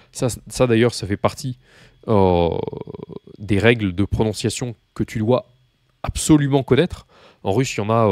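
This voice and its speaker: Guy teaching russian basics, lowish voice, lots of euh and restarts, dry close sound. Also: a little mellow, dry recording. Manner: hesitant, many fillers and restarts; addresses the learner informally, patient explaining. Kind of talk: spoken language lesson.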